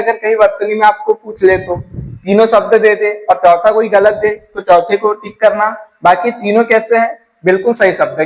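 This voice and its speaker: A man's voice: high voice, poor audio. A man from teaching an exam-prep grammar lesson, explaining step by step and asking his class rhetorical questions.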